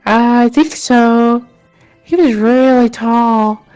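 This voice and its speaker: A woman's voice: fairly high pitch, takes it slowly, a little mellow, clean tone, soft background music, pitched above the performer's own voice. A woman voicing a small, eager girl child with a naive, hesitant, chatty manner in a tabletop game. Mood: wistful, excited.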